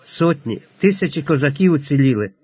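A man voicing a young male Cossack colonel, measured and persuasive, read in a husky voice on a lo-fi recording. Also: fairly high pitch, animated, dry recording. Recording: lo-fi dull audio.

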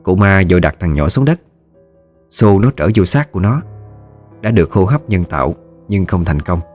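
A man with a Southern Vietnamese accent narrating a ghost story in a plain, steady manner. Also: sits low, moderate pace, soft background music.

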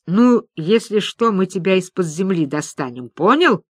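A woman voicing a tough, commanding old woman who talks in gruff threats, reading a story aloud. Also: on the low side, normal speed, no room sound, natural voice. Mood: stern.

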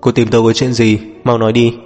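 A man's voice: medium pitch, fairly even intonation, quick pace, darkish tone, lightly acted. Man playing a cold domineering CEO. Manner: curt and cold. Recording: long reverb with background music.

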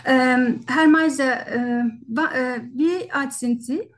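Slow and high-pitched with fairly even intonation, a non-native German speaker with a foreign accent plays a doctor during exam practice. She politely and hesitantly works through a structured, formal patient-history interview, frequently hunting for words.

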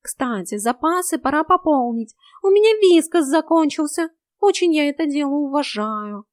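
A woman's voice: high voice, expressive, moderate pace, dry recording, clean studio sound, pitched above the performer's own voice. A woman voicing a grumpy, rude male house cat who scolds and carries on theatrically in a storybook. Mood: agitated.

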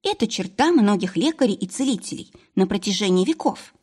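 A woman's voice: medium pitch, lively intonation, fairly quick, darkish tone, breathy edge. A woman narrating a novel in the first person with a wry, sarcastic manner. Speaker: audiobook narrator.

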